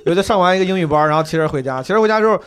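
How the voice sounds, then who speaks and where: A young man co-hosting a podcast, telling a story in an animated, profane, casual way. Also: sits high, very fast, slight background noise. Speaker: podcast co-host.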